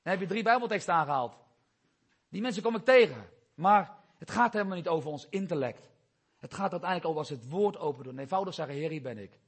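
A man's voice: sits high, lively intonation, fast talker, slightly rough. A man preaching a sermon to his congregation, earnest and reading out scripture, his voice rising and falling in volume. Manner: earnest, quotes scripture, rises and drops in volume.

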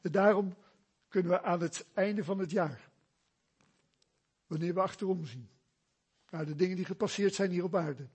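A man preaching a sermon in a church, slow and emphatic, asking rhetorical questions. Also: sits high, darkish tone, breathy edge. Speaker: pastor.

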